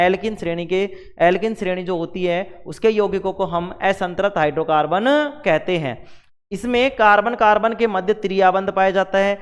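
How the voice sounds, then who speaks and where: A man's voice: high voice, smooth, big-room sound. A man teaching a revision lesson at the board, repeating terms and quizzing the class with questions.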